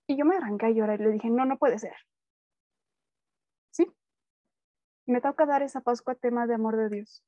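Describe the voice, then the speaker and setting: Animated young Mexican woman, mellow tone. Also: fairly high pitch, no room sound, muffled recording. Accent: Mexican Spanish. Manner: animated storytelling, acts out dialogue. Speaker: guest sharing testimony. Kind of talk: personal faith testimony, casual chat.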